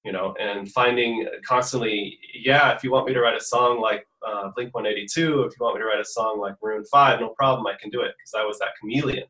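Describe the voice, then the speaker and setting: A man with a bright, forceful voice gives a guest's answers in an interview, earnest and reflective, restarting phrases as he works out his thoughts. The recording has a roomy echo around him. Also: lowish voice, fairly even intonation, fairly quick, hardly any pauses, far from the mic. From born in the US, raised in Portugal from fifteen. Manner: earnest, thinks aloud with restarts. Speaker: musician guest.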